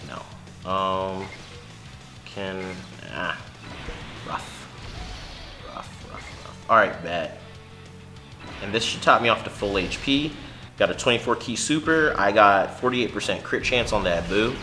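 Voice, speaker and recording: A man's voice: lowish voice, lively intonation, takes it slowly, long pauses, music in the background. A man casually commenting on his own mobile game run, talking to himself and his viewers as he plays. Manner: chatty, mutters to himself, bursts loud at big hits. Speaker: gaming channel host.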